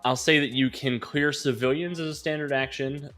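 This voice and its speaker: Encouraging male game master, medium pitch. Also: fairly even intonation, moderate pace, a bit bright, faint music behind. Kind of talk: casual tabletop game refereeing.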